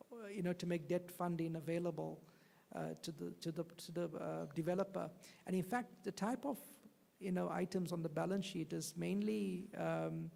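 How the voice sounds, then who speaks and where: Panelist, very gravelly, explanatory, reverberant hall. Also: mid-range voice, warm tone. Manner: agreeing, explanatory, many fillers. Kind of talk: panel discussion. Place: conference hall.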